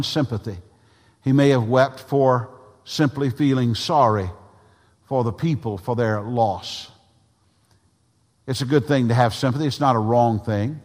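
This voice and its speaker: A man preaching a sermon, earnest and measured, dropping to slow soft words when he stresses a point. His voice sits at an ordinary middle pitch. A long reverb trails after his phrases. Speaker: pastor. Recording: hall reverb.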